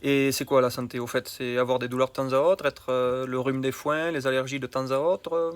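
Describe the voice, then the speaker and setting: A man's voice: medium pitch, little pitch movement, brisk, smooth, no room sound. A man, a health coach, talking to the viewer in a casual, colloquial vlog monologue with bursts of emphasis. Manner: colloquial and familiar, addresses the viewer directly.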